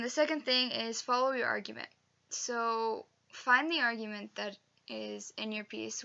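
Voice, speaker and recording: A young woman giving a casual, chatty acting lesson, emphatic and quick to correct herself. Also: mid-range voice, creaky, sharp tone, highs cut off. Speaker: acting teacher. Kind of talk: casual instructional video.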